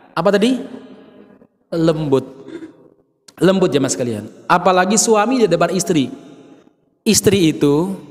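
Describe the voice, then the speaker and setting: A man's voice: sits high, in a large hall. A man preaching a sermon, joking with the audience and acting out little quotes.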